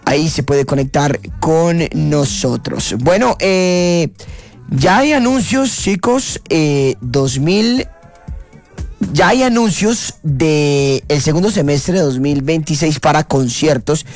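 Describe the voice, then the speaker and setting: A man with a Colombian accent hosting a radio show, announcing in an upbeat sing-song way with quick asides. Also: on the high side, animated, soft background music. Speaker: radio host. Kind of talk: lively radio chat. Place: radio studio.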